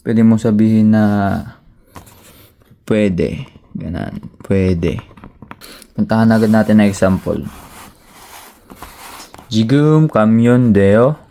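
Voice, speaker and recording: Smooth, mellow-voiced man teaching grammar. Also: on the low side. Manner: casual, joking, switches between languages to give example sentences. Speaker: language teacher. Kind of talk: casual grammar lesson.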